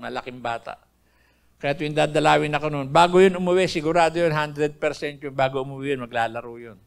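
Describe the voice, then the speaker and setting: Older guy from the philippines telling his faith story, high-ish gravelly voice, earnest. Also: fast talker. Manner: earnest storytelling, addressing listeners as brethren. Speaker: testimony speaker. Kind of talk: personal faith testimony.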